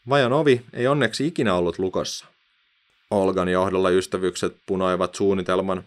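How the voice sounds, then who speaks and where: Male narrator, low-pitched, expressive children's story reading.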